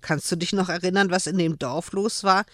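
A man's voice: sits high, steady tone, fairly quick, pushed and bright, no room sound, clean studio sound. A man voicing a patient, earnest young man who coaxes and scolds a child. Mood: coaxing. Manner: firm and coaxing.

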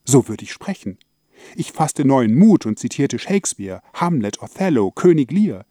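A man performing a theatrical monologue in a wry, dramatic storytelling voice. His tone is mellow and dark. The recording is dry and close, with no room sound. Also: mid-range voice, very animated, moderate pace, dry recording.

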